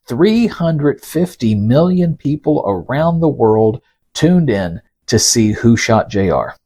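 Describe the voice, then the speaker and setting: Here the podcast host's voice sits at medium pitch with a darkish tone. He narrates scripted stories in a chatty, folksy manner, reads out quotes, and slips in teasing remarks to his audience.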